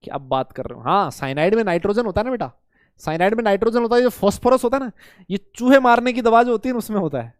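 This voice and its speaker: A man teaching chemistry to students in a lively lecture, asking questions and answering them himself, with playful memory tricks. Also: high-pitched, fast, clean tone, no room sound, studio quality. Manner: voices imagined student questions.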